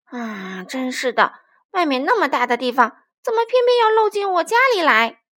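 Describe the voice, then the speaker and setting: A grumpy older badger, grumbling and exasperated, flaring up loudly, as a woman puts him on. His voice lurches from low mutters to sharp high outbursts, a storybook grouch. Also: huge pitch swings, measured pace. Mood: irritated. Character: grumpy older male badger, hot-tempered.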